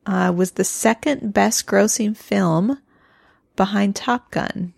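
Creaky-voiced woman co-hosting a chat podcast. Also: medium pitch, slow pace, darkish tone, dry recording, clean studio sound. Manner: giggly, shares little researched facts. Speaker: podcast co-host. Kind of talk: casual chat.

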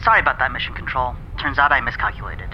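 A man's voice: medium pitch, lively intonation, fast talker. A man voicing a rocket ship pilot reporting over a crackly sci-fi radio communicator in clipped radio procedure talk. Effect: crackly sci-fi radio communicator transmission. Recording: muffled lo-fi radio with heavy static.

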